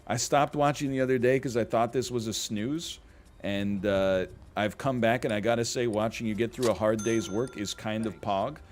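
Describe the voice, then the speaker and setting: A man's voice: on the low side, steady tone, normal speed. A man casually commenting on a management game he is playing, goofy and rambling, with playful exclamations. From Canada. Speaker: gaming streamer. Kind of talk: casual let's-play commentary.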